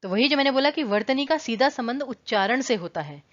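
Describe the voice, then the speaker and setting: A woman's voice: high-pitched, lively intonation, brisk, lo-fi sound. A woman teaching an online exam-prep lesson, explaining patiently and repeating words to contrast their pronunciation. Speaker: Hindi teacher.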